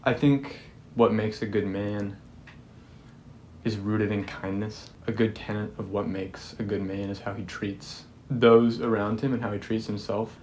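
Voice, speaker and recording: Earnest eighteen-year-old man, low voice. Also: level tone, a little slow, a little mellow, slight background noise. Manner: earnest, emotional, laughs while talking. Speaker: documentary interviewee. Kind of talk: reflective interview.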